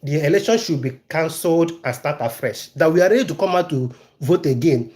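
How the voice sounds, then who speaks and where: A man's voice: fairly high pitch, animated, brisk, darkish tone. A man with a Nigerian accent talks casually to his live-stream audience. He presses his points hard and repeats key phrases again and again. He breaks off now and then to greet viewers and answer their questions in the chat. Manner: emphatic and repetitive, hammers key phrases. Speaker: news commentary live streamer.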